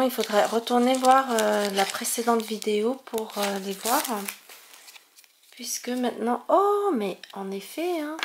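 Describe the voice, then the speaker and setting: A woman's voice: a little high, background noise. A woman chatting casually as she opens trading cards, exclaiming over each one and stumbling over hard names. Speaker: card-opening video host. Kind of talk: casual card-unboxing commentary.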